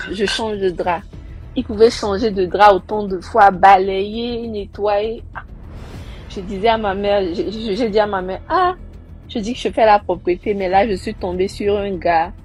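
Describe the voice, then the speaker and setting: A young woman casually recounting a personal story, acting out the people she quotes. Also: medium pitch. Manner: animated, acting out quoted voices.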